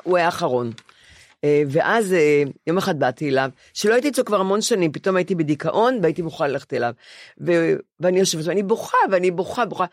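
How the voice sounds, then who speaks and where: Older woman, co-host, casual chat, animated storyteller, lively pitch, dry close recording. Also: no room sound. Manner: animated storyteller, acts out quoted voices.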